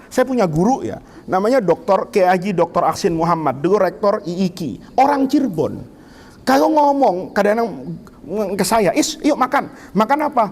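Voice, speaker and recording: A middle-aged Indonesian man giving an Islamic lecture to students in a lively, teasing way, asking them questions. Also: extremely high pitch. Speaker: Islamic teacher. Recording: long hall reverb.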